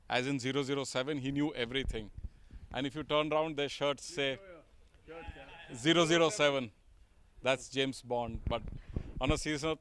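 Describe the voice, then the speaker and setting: A man with an Indian accent speaking as an alumni society president, giving an informal speech of thanks. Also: medium pitch. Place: outdoor school playing field.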